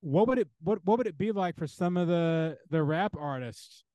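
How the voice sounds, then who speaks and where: A man's voice: a little high, animated, moderate pace, mellow, dry recording. A man speaking as an interview guest and theologian, talking earnestly and building his points through repeated parallel phrases.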